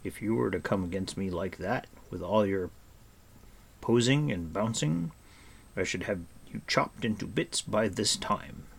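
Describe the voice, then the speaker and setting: A man voicing a stout, bald old blacksmith who speaks gruffly but kindly in a low, half-whispered voice. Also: measured pace, exaggerated voice. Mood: wry. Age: older.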